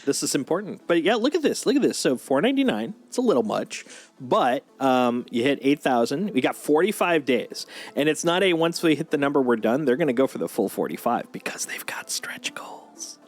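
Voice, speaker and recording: Fairly quick and very animated, this man's voice sits on the high side as he hosts a livestream. He rambles enthusiastically and geekily about collectible toys he's showing off, over background music.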